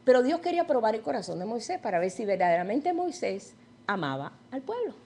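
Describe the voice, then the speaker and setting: A woman's voice: fairly high pitch, sing-song, fairly quick, warm tone. A woman teaching a Bible study sermon, retelling stories and asking her listeners questions.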